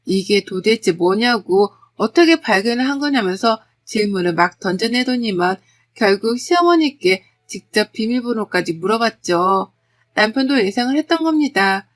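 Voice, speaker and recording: Woman, middle-aged, first-person story narration, steady confessional tone, mid pitch. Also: normal speed.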